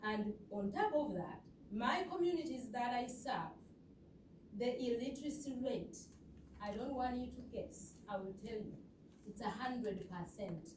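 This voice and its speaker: A woman's voice: fairly high pitch, lively intonation, unhurried, darkish tone, slight background noise. A woman from Uganda with a Ugandan accent, giving an earnest, emphatic conference presentation with rhetorical questions to the audience. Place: lecture hall. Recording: echoey hall, far off.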